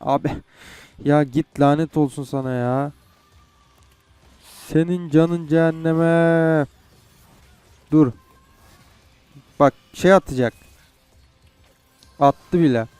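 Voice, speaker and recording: A man's voice: on the high side, steady tone, slow, long pauses, darkish tone, smooth, dry recording, faint music behind. A young man playing a game and commenting, frustrated and swearing as he goes. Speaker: gamer. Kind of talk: gameplay commentary.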